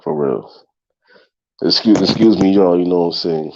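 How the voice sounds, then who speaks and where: A man in his thirties hosts a casual solo talk show as a podcast host, speaking in a low, darkish, gravelly and husky voice at a moderate pace. He sounds congested and talks straight to his listeners in a loose, repetitive way. The recording has a dull lo-fi sound.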